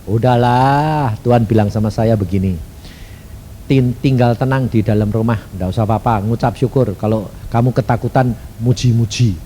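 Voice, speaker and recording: A man preaching a sermon as an evangelist, telling a story in folksy colloquial speech and acting out the dialogue in sudden high voices. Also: fairly even intonation, moderate pace, dark tone. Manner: colloquial Javanese-flavored Indonesian, folksy. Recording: faint rumbling noise, old sermon tape.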